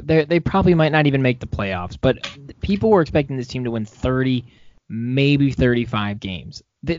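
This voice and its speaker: A man's voice: mid-range voice, a little mellow. A man co-hosting a sports podcast, talking casually in an upbeat, rambling way with many restarts. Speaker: podcast co-host. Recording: dull lo-fi dry sound.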